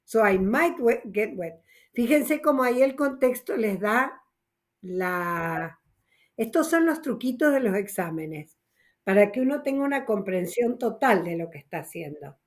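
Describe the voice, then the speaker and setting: Teacher, female, fairly high voice, slow and patient, explains grammar step by step. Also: lively intonation. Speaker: English teacher. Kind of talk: online class teaching, mixing Spanish and English.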